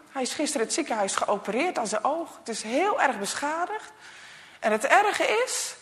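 A woman voicing a gentle but firm male schoolteacher in a read-aloud story. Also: fairly high pitch. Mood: grave. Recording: long reverb.

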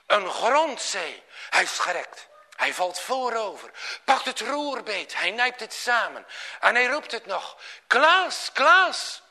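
A man telling a story aloud in an expressive, dramatic way. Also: high-pitched, slow pace. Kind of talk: storytelling narration.

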